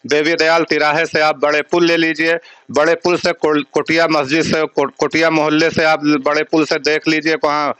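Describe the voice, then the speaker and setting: Man, local official's rep, flat insistent delivery, dry close sound, lists achievements at length. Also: fairly high pitch, no room sound. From Uttar Pradesh, India. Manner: insistent, lists places and works in long runs. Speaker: municipal chairman's representative. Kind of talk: press interview answers.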